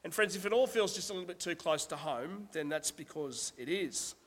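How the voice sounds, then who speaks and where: Male pastor, husky with a cold, slightly high voice, long church reverb. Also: expressive, fairly quick, a bit bright. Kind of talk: sermon.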